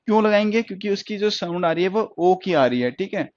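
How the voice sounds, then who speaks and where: A man's voice: high-pitched, expressive, a little fast, darkish tone, no room sound. A man teaching stenography, speaking in a slightly raised voice. He drags each vowel sound out long so his students can hear and repeat it, and he keeps stopping to check that they are following. The recording is dry and dull, with a lo-fi sound. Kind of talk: classroom lecture on vowel sounds.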